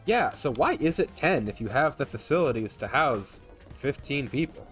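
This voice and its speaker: A man's voice: mid-range voice, very animated, moderate pace, a bit bright. A man streaming a game, reading its text aloud and commenting casually with joking asides. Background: game music.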